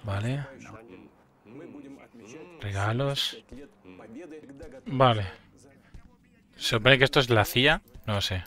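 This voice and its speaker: A man from Spain with a Murcian accent, commenting on a game he is playing, breaking into loud surprised swearing and laughter. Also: medium pitch, slow pace, long pauses. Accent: Murcian Spanish. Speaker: gaming streamer. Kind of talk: gameplay commentary.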